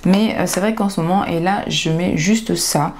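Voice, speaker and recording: A woman's voice: lowish voice, moderate pace, a little mellow. A woman beauty vlogger with a groggy morning voice, chatting casually through a makeup tutorial. She is candid and often trails off and restarts her sentences.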